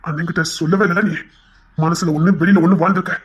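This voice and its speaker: A man voicing a stern, hurt older brother who speaks slowly and accusingly. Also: sits high, fairly even intonation, lo-fi sound, a little hiss or hum, voice pushed down, natural voice.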